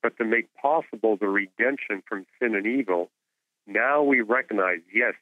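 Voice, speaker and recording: A man speaking as a guest expert in an interview, explaining science in a measured, didactic way over a narrow phone-like connection. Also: lowish voice, no room sound. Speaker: guest expert, astronomer and author. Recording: phone-like narrow-band radio call.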